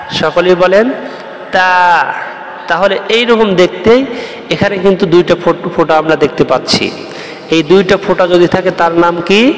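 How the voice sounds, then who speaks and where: A man's voice: high voice, echoey room, in a large hall, a little hiss or hum. A man from Bangladesh teaching the Arabic letters, explaining each step patiently and chanting the rhymes in a sing-song voice. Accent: Bangladeshi Bengali. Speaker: Quran teacher.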